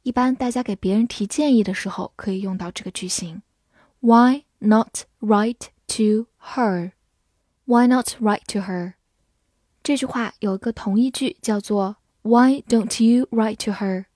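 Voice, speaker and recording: A woman teacher giving a vocabulary lesson, who spells each word letter by letter and reads the example sentences slowly. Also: mid-range voice, mellow, dry recording, studio quality. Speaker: English teacher.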